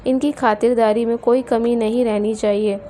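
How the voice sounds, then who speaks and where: A sharp-tongued, scolding mother-in-law from a storybook, as a woman narrator puts her on. The voice sits fairly high but sounds mellow and soft-edged, and she talks down to everyone with taunts. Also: fairly even intonation, normal speed, slight background noise, close to an everyday voice. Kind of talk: storybook character voice.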